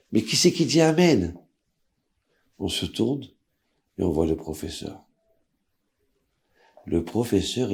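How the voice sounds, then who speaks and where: A man, a rabbi, telling a story aloud with drama, acting out the people in it and swinging from hushed to loud. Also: sits low, creaky. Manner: dramatic, voices characters with big swings in loudness. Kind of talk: emotional spoken storytelling.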